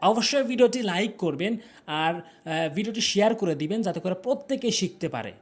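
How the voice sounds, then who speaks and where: High-voiced man teaching Arabic letters. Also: expressive, slightly rough. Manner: repeats each Arabic letter sound several times, slow and deliberate; explains mouth and tongue placement step by step. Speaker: Quran recitation teacher. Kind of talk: pronunciation lesson.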